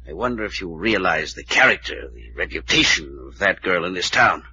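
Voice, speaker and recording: An actor playing a stern, proper older attorney in a 1940s radio drama, heard through an old AM radio broadcast with a muffled sound. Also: male voice, low-pitched, lively intonation, brisk, sharp tone, slight background noise, full character voice. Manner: formal, reproving. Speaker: family attorney.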